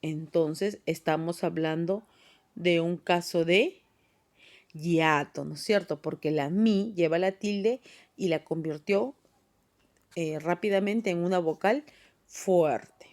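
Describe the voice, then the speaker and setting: Brief: patient female teacher, lowish voice, unhurried classroom delivery, taped on a phone. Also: a little mellow. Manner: patient, explains step by step with frequent tag questions. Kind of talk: classroom grammar lesson. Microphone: phone voice recorder.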